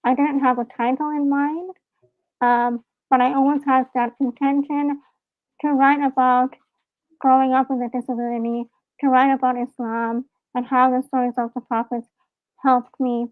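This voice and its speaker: A woman's voice: sits high, level tone, moderate pace, no echo. A woman from Hong Kong, an author being interviewed live over a call, speaking earnestly and reflectively. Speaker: author and guest. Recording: dry, phone-like call audio.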